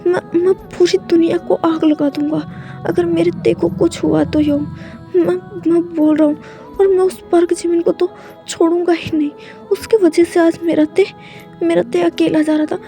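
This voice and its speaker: A woman's voice: extremely high pitch, flat delivery, normal speed, dark tone, soft background music. A woman voicing a furious lovesick young man. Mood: pleading. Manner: pleading, repetitive, breathless outbursts.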